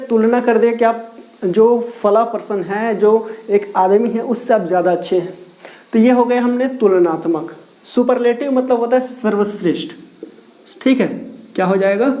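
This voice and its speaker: A man's high, dark voice comes through a rough recording with slight background noise as he teaches English grammar in Hindi. Working at the board, writing and erasing, he quizzes the class and repeats key words.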